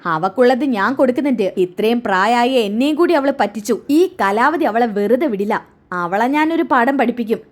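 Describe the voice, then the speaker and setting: A fierce old grandmother with a sharp tongue, scolding and contemptuous, as a woman storyteller puts her on. Her voice sits high and cutting. She is the family matriarch in a storybook retelling. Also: lively intonation, moderate pace, natural voice. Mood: furious.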